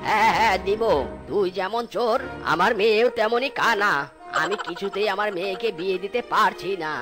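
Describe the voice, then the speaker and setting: A woman voicing a stern, scheming old male fox father in a cartoon, in a lowered bossy voice. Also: a little fast, natural voice. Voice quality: low put-on voice. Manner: bossy, threatening. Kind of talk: cartoon voice acting. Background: music.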